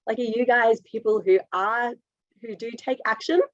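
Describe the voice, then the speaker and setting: A woman's voice: on the high side, moderate pace, no echo, muffled recording. An Australian woman, a dietitian, giving a live webinar presentation over a video call in an upbeat, direct, chatty way.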